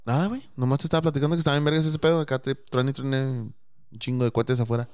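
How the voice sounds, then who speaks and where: Fast-talking Mexican man, crude banter. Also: mid-range voice, steady tone, a little mellow, clean tone. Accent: Mexican Spanish. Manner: crude slang-heavy banter with laughs. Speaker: podcast host. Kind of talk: casual chat.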